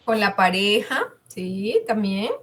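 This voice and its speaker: A woman's voice: mid-range voice, lively intonation, takes it slowly, fairly bright tone. A woman giving an online communication masterclass, chatting and putting questions to her audience. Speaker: communication coach.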